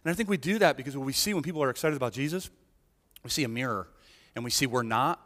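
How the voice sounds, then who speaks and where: A man preaching a sermon in a conversational, animated way, often checking in with the listeners. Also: mid-range voice, fast, in a large hall. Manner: animated, conversational preaching with frequent "right?" asides. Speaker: pastor.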